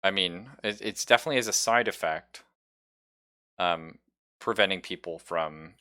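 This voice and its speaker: Low-voiced and sharp in tone, a man improvises the story as game master of a horror tabletop RPG, his narration halting and full of suspense.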